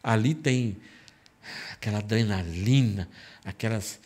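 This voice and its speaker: A man's voice: fairly low pitch, unhurried, darkish tone, husky. A man preaching a Bible sermon as pastor, acting out quoted lines with a raised, dramatic voice. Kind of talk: expository sermon. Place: church.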